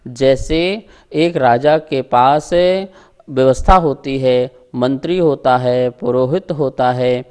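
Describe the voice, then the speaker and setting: His voice is mid-range, fairly even in intonation, a little mellow, and clear and resonant. This man, a religious teacher, leads a slow scripture recitation, drawing out words as he explains each term syllable by syllable, step by step.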